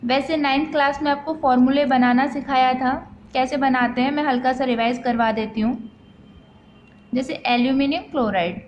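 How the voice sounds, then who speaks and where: A woman's voice: sits high, muffled recording, a little hiss or hum. A woman teacher, explaining chemistry step by step and asking and answering her own questions, as if to children. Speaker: science teacher.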